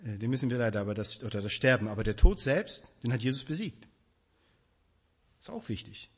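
A man preaching a sermon, addressing his congregation directly with emphatic, animated delivery. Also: mid-range voice, brisk, husky.

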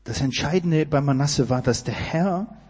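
A man preaching a sermon, emphatic and direct, asking his listeners questions and building to loud climaxes. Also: on the high side, normal speed, breathy edge, long reverb tail. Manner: emphatic, rising to near-shouting climaxes.

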